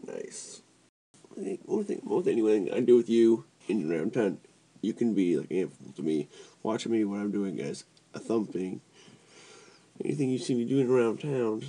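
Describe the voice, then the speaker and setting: A man talks unconsciously in his sleep, mumbling disjointed, repetitive phrases. His fairly low voice is creaky and mellow, with lively intonation at a moderate pace. It's a noisy home recording with clicks.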